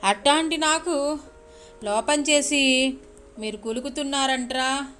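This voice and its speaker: A woman voicing a male village shaman possessed by a furious goddess, shouting threats in a raised, strained voice. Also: high-pitched, soft background music, voice pushed up. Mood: furious, raging. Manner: shouting, threatening, drawn-out menacing cries. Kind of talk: storytelling.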